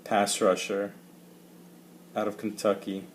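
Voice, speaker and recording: Man with a slight lisp, lowish voice. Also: little pitch movement, slow pace, a little hiss or hum. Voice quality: slight lisp from rubber bands in his mouth. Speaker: co-host. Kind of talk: casual sports chat.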